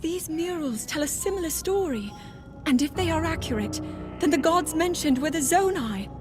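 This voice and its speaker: A woman playing a young princess scholar in a video game, gentle, earnest and curious, speaking softly and precisely. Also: high voice, expressive, normal speed. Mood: studious wonder. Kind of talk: video game cutscene voice acting. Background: music.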